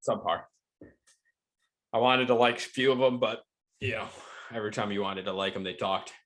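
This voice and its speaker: A man's voice: fairly low pitch, fairly even intonation, moderate pace, fairly bright tone, low-quality recording. A man co-hosting a casual podcast chat, rambling with lots of fillers and swearing. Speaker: podcast co-host.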